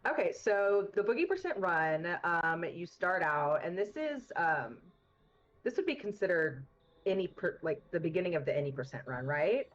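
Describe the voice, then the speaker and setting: A woman's voice: lowish voice, lively intonation, moderate pace. A woman doing casual, upbeat race commentary, her voice coming through a built-in webcam mic that sounds like she is in a tunnel. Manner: upbeat, chatty, many fillers. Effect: muffled webcam mic that sounds like a tunnel.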